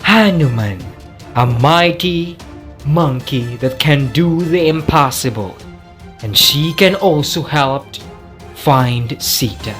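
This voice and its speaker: A narrator telling an epic tale in slow, measured scripted narration. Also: medium pitch, animated, fairly bright tone, soft background music.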